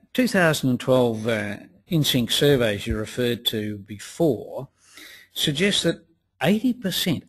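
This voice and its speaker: A man presents a webinar as a lecturer. His voice is rough-edged and husky at an average male pitch. He is deliberate and restates phrases to stress them.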